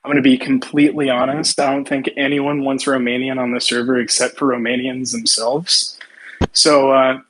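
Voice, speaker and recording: A man's voice: mid-range voice, little pitch movement, moderate pace, a bit bright, a little hiss or hum, rough recording. A young man delivers a campaign speech in an online debate. He has a mid-range voice and speaks assertively, stressing his points as a candidate would.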